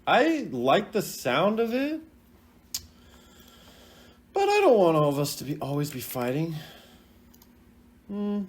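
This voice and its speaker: A man with a high, sing-song voice speaks slowly and pauses often. He's a video host rating game voice lines, offering casual, off-the-cuff commentary that rambles and is playfully opinionated.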